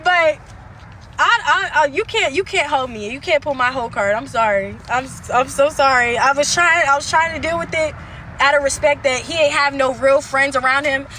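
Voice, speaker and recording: A young woman livestreams a rant from her car, recorded on a phone with a little background noise. Her voice is high and sharp, her language blunt and profane, and she returns to the same points again and again.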